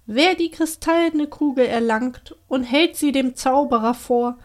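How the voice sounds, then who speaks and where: A woman reading the lines of a gentle, sorrowful cursed young princess in a soft, earnest storybook way. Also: sits high, measured pace.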